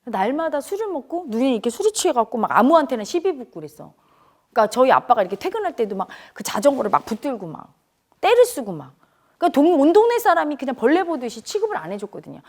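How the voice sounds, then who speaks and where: Middle-aged woman telling a sad story, kinda high voice that swings all over, earnest and teary. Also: big pitch swings, fast, darkish tone. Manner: tearful and earnest, rising to cries when reliving events. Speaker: speaker at a spiritual community talk. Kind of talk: emotional personal storytelling.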